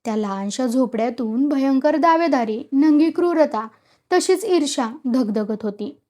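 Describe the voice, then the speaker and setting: A woman's voice: lively intonation, unhurried. A woman narrating a rural story as an audiobook, raising her voice for the characters' dialogue. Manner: voices rustic characters with louder, higher-pitched dialogue.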